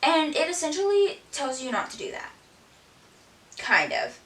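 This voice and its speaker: A woman talks casually through her recent reads, rambling along with a steady stream of "like." Her voice sits a little high. It reaches the mic from a few steps away in an echoey room, with a faint hiss behind it. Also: unhurried, recorded from a distance. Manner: rambling, frequent "like" fillers. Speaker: book vlogger. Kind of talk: casual book review chat.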